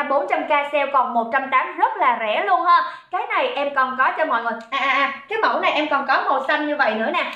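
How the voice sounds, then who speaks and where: A woman's voice: high-pitched, pushed and bright, roomy sound. A woman running a live-stream sale, chatty and calling out viewers by name. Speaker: livestream seller. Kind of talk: live-stream sales chat.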